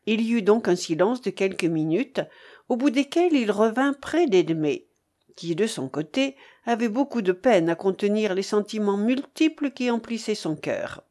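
Expressive woman narrating a classic novel. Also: medium pitch, normal speed. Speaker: audiobook narrator.

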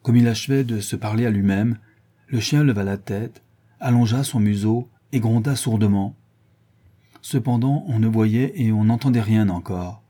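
A man narrating a novel in a measured, steady voice. His tone is low and mellow, with a husky grain. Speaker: audiobook narrator.

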